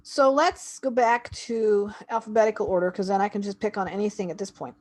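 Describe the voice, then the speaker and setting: A woman's voice: mid-range voice, brisk. A woman reviewing a homeschool website, talking casually and thinking aloud as she clicks through it. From Canada. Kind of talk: screen-share website walkthrough.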